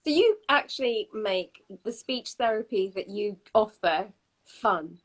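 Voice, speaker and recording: A woman's voice: mid-range voice, lively intonation, a little slow, poor audio. A woman interviewer who asks long, rambling, hesitant questions.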